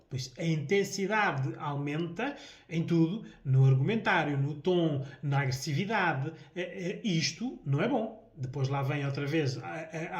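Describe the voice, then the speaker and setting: Hesitant Portuguese man in an echoey room. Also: on the high side. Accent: European Portuguese. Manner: hesitant, repeats words, frequent rhetorical "não é?". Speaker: host. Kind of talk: solo talk on relationships.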